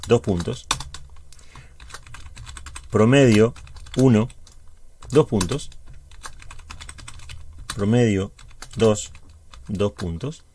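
A high school teacher with a Uruguayan Spanish accent walks the viewer through a spreadsheet step by step in a chatty tutorial, checking in often. His voice is a little mellow, with a bit of hiss or hum in the recording.

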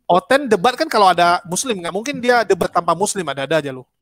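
A man speaks quickly and insistently as an interview guest, often repeating himself to make a point. His voice sits a bit high for a man, and the sound is dry and close. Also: dry recording. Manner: animated, insistent, repeats words. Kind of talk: casual interview chat.

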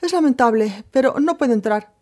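A woman's voice: high-pitched, animated, moderate pace, pitched above the performer's own voice. A woman voicing a frantic middle-aged hotel proprietress with a Corsican Italian accent, pleading and calling out. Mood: pleading, panicked. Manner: pleading, shouting from afar.

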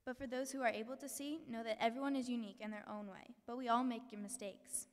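A woman's voice: on the high side, steady tone, fast. A teenage girl, a middle-school student, giving an earnest prepared speech at a podium in a school hall, reading from notes with small slips. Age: teens. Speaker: student speaker. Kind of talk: prepared speech read aloud. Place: large school hall with an audience. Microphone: podium mic, filmed from the back of the hall. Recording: long hall reverb, distant camera.

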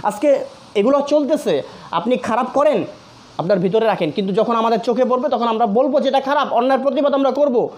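Very high-voiced and brisk, this man hosts a commentary channel, offering emotional commentary on social media. He speaks earnestly, addresses viewers directly, and repeats phrases to drive his point home.

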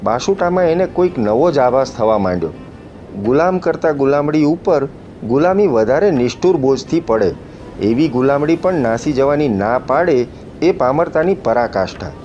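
A man narrating a literary novel as an audiobook, in a measured, reflective way with rhetorical questions. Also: medium pitch, lively intonation, a little mellow. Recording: muffled audiobook recording with faint music.

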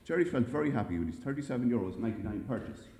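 A man reading a humorous story aloud to a live audience in a wry, lively way, recorded in an echoey library hall. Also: mid-range voice, racing. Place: library event space.

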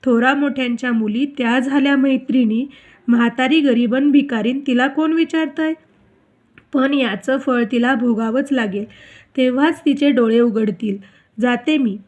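A woman's voice: high-pitched, normal speed, darkish tone, lightly acted. A woman voicing a poor old woman who turns stern and indignant when refused, in a scolding, bitter tone.

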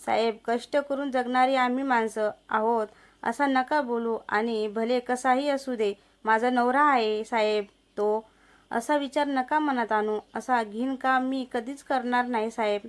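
A woman's voice: a little high, steady tone, measured pace, lightly acted. A woman voicing a poor, hardworking village wife who pleads and stands firm in a story. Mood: pleading. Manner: pleading, defiant.

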